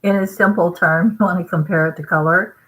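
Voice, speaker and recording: A woman from Vietnam talks straight to her vlog viewers in a low voice. She rambles and pushes her points hard, tagging them with "right?" as she eats. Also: steady tone, fairly quick, rough recording. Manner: rambling, emphatic, with frequent "right?" asides; eating while talking. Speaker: vlogger. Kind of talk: casual talking-head vlog.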